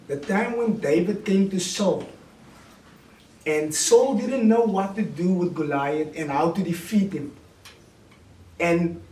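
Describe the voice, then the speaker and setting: A warm, high-pitched man in his late twenties with a Cape Town South African accent shares his testimony as a guest speaker, preaching it like a story in deliberate, repetitive phrases. He addresses a small seated audience indoors, captured by a distant camera mic that sounds roomy and noisy.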